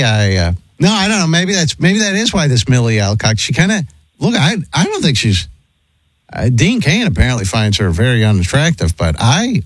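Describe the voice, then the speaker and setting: A man's voice: medium pitch, slightly rough, no echo. A man hosting a morning radio show with casual banter.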